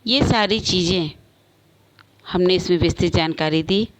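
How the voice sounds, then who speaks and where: A woman teacher giving an online class lesson, explaining slowly with spoken examples and varied emphasis. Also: on the low side, noisy background. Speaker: school teacher.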